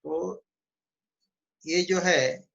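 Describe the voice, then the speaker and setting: A man reading a devotional book aloud and explaining it in his own words, with slow recited verses and small restarts. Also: sits high, creaky, fairly bright tone, dull audio. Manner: chants Sanskrit verses in a slow measured recitation. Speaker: devotional book reader and teacher.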